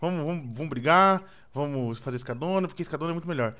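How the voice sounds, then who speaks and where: Young brazilian man, brazilian portuguese accent, fast talk, bright voice, mock-indignant teasing. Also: on the high side. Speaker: gaming youtuber. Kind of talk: casual gameplay banter with friends.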